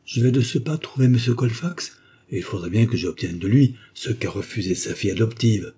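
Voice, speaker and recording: A proud young duke who demands answers and stands on his dignity, voiced by a man reading the book aloud. His voice sits low and mellow, with a husky grain. The figure is voiced in a classic French audiobook reading. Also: animated, fairly quick.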